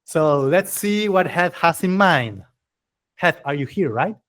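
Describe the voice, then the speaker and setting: A man hosts and presents at a meetup, enthusiastic and chatty, speaking English with non-native phrasing in a casual, informal way. His voice is fairly high and a bit bright, lively in intonation but slow in pace.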